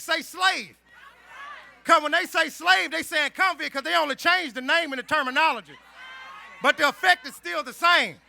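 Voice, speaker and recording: A man's voice: very high voice, gravelly, pushed and bright, slight background noise. A middle-aged man giving emphatic personal testimony in a rally speech, like a preacher. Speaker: activist and motivational speaker.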